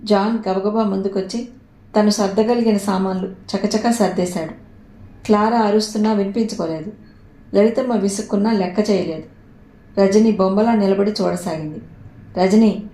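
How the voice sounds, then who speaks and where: A woman's voice: mid-range voice, mellow, echoey room, poor audio. A woman narrating an audio novel, reading both the story and the characters' dialogue aloud.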